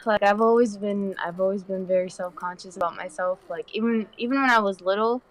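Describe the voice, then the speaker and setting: Speaking briskly and in a steady tone, this medium-pitched woman of 19 from the Dominican Republic drifts through loose, slangy talk packed with "like" while guesting on a live stream. The audio is rough.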